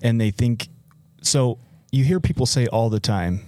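A man's voice: mid-range voice, unhurried, mellow, dry recording. A man co-hosting a counseling podcast, thinking aloud and restating ideas with lots of fillers. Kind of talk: conversational podcast interview.

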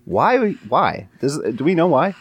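A man's voice: fairly high pitch, sing-song, measured pace, slightly rough, no echo, lo-fi sound. A man co-hosting a podcast in casual chat, leading the talk with curious questions. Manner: inquisitive, leads the discussion with questions. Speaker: podcast co-host.

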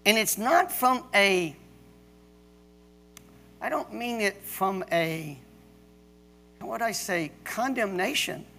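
A middle-aged man preaching a sermon as pastor, emphatic, with pauses and restarts. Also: high voice, expressive, creaky, pushed and bright, faint music behind.

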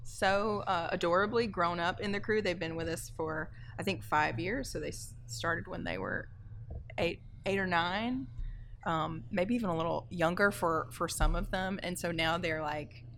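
A woman from a parade group chatting casually on a panel, quick to agree and laugh. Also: lowish voice, vocal fry, fairly bright tone, slight background noise. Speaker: parade krewe member.

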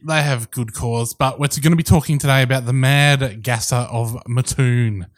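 A man's voice: medium pitch, moderate pace. A man co-hosting a podcast in casual chat, full of matey, teasing lad banter and mild swearing. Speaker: podcast co-host.

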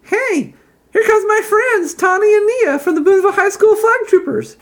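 A man voicing a big, muscular, upbeat gym preacher in a very high-pitched put-on voice, in a tabletop role-playing game. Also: animated, moderate pace, fairly bright tone, roomy sound, exaggerated voice. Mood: cheery. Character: muscular male gym preacher, cheery and squeaky.

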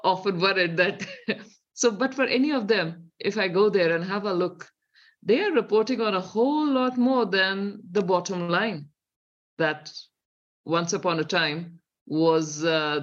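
Co-hosting a talk show, a middle-aged Indian-accented woman reads from reports and questions them sardonically. She speaks with a fairly low pitch, and the audio's high frequencies are cut off.

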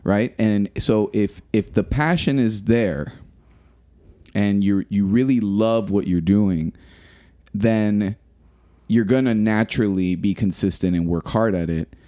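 A man's voice: fairly low pitch, slow, warm tone. A middle-aged man co-hosting a casual podcast, talking earnestly and motivationally and repeating phrases for emphasis. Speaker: podcast co-host.

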